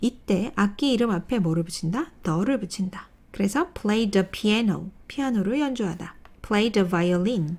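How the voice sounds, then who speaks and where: A woman's voice: mid-range voice, darkish tone. A woman teaching an English grammar lesson online, explaining step by step and asking and answering her own questions. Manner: reads English example sentences slowly.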